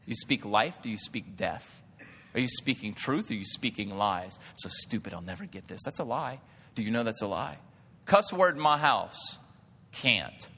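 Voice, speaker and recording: A man's voice: mid-range voice, a bit bright, long reverb tail. A man, a pastor preaching a sermon in a loose, conversational way, often asking the congregation questions. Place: church hall.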